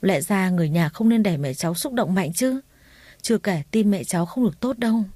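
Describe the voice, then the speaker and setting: A calm doctor giving a measured, mildly reproving word, as a woman storyteller reads it. The voice is mellow and warm, recorded dry and close. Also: medium pitch, dry recording, natural voice. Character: calm hospital doctor, adult.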